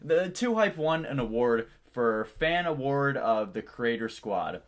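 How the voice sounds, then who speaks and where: A man with a mid-pitched voice delivers a casual exposé commentary. He is sarcastic and scornful about what he describes. He leans on key words and swears freely as he makes his case. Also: sing-song, a little slow. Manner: emphatic, heavy casual swearing. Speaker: YouTube drama commentator.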